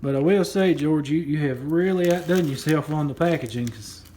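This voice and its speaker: A man's voice: a little high, normal speed, warm tone, reverberant, a little hiss or hum. A man chatting casually while opening a package, rambling and repeating himself as he goes. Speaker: coin collecting vlogger. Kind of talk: casual unboxing chat.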